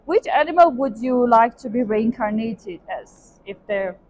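Walking along a big indoor hotel corridor and walkway, a young female host conducts a relaxed interview on the move. She speaks at a measured pace in an expressive, higher-pitched voice with a darkish tone, and the hallway noise is clearly audible.

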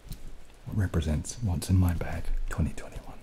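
A young adult man, an ASMR video creator, speaks softly and without hurry in a casual style, partly whispering and sometimes hesitating. His voice sits low with a steady tone. He is in a small, dim indoor room, and the recording carries clearly audible background noise plus added rain.

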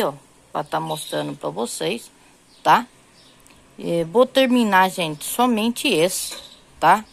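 A woman's voice: fairly low pitch, gravelly. A middle-aged Brazilian woman chatting casually in a home crochet vlog, showing her rugs and counting rows aloud. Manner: chatty, repeats "gente" and "tá bom" constantly. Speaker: crochet vlogger.

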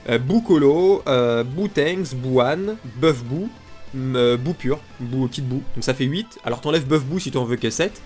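This gaming video creator speaks unhurriedly in a slightly mellow mid-range voice that sounds blocked and nasal from pollen allergy congestion. He complains bluntly and informally off the cuff while music plays behind him.

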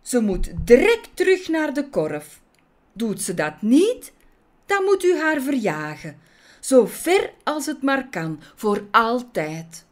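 A pompous old male bee judge, stern and quick to scold, as a woman puts him on. He talks loudly and indignantly in a storybook voice, with the pitch swinging widely and the words coming out slowly. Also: big pitch swings.

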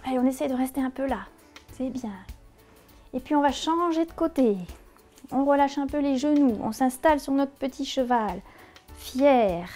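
A young woman, a yoga teacher, guiding a children's class with gentle, encouraging, playful instructions. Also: sits high, normal speed, faint music behind.

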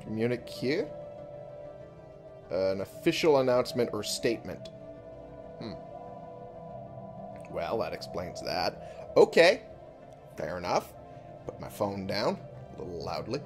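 A low-voiced, lively man hosts a let's-play video, commenting on a game and reading on-screen text aloud over music. He talks slowly with frequent pauses, thinking out loud in an informal way and swearing often.

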